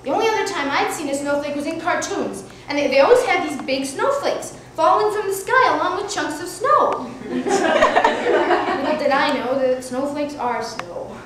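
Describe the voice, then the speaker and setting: A woman's voice: sits high, animated, moderate pace, distant mic. A woman performing a one-woman comedy monologue on stage, telling a wide-eyed story with laughter. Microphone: far from the mic. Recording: echoey stage heard from afar, noisy.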